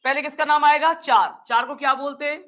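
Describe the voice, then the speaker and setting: Bright high-voiced Hindi-accented woman teacher. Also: steady tone, a little fast. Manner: quizzing students, answering her own questions; acts out confused students in playful asides. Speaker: chemistry teacher. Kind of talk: classroom lecture.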